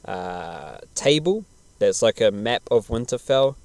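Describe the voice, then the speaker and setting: A man's voice: fairly low pitch, sing-song, slow pace, no room sound. A man chatting casually as a podcast host, laid-back, slangy and rambling. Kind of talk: casual podcast chat about television.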